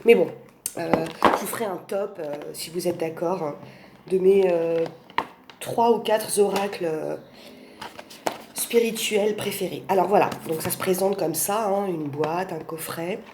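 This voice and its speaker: Effusive about her oracle cards, a Portuguese-accented woman talks in French for her casual vlog, restarting and filling her sentences constantly. She speaks a little slowly with a fairly low pitch, recorded in a roomy home space with a faint hum of background noise.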